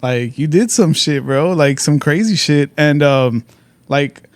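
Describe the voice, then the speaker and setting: A man's voice: on the high side, measured pace, no room sound. A man hosting a podcast, asking questions in a loose, slangy way. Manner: loose, slangy, says dude and bro. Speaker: podcast host. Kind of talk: casual podcast chat.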